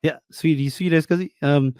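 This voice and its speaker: A man with a fairly high voice and a broad Kiwi accent hosts a casual podcast chat. He is slangy, matey and jokey. The sound is dry and close, with no room on it. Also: steady tone, moderate pace, a little mellow, smooth, no echo. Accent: broad New Zealand. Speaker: podcast host.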